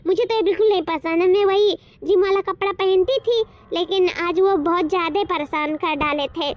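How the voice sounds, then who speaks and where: A woman's voice: very high-pitched, steady tone, moderate pace, dry recording. A woman playing a dramatic young village bride. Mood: complaining. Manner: dramatic, complaining. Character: discontented young village daughter-in-law, dramatic. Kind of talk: comedy sketch acting. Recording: dull lo-fi sound.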